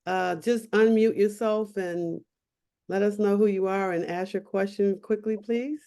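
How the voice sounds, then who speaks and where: A woman's voice: medium pitch, steady tone, measured pace, warm tone. A woman hosting an online meeting, friendly and chatty, inviting questions. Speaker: meeting host. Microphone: video call.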